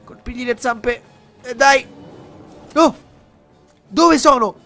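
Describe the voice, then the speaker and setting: A young man narrates his own boss fight in a high, bright voice. He swings between mutters and shouted bursts, repeating words over and over and swearing. Faint music plays behind him. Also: slow pace. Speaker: gamer commentating his own play. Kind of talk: live gameplay commentary.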